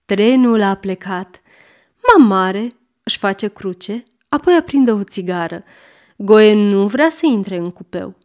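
A woman reading a story aloud with lively, expressive narration. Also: medium pitch. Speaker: reader.

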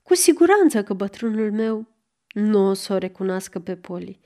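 A woman's voice: mid-range voice, sing-song, warm tone. A woman narrator voicing a proud, grieving old servant woman in a storybook reading, lightly voiced. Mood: wistful.

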